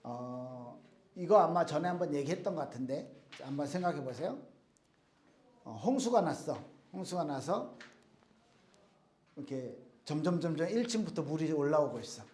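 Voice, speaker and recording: High-voiced man giving a casual youth sermon. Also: lively intonation, normal speed, a little mellow, roomy sound. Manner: storytelling in casual speech, acting out quotes. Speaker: youth pastor. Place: church youth service room.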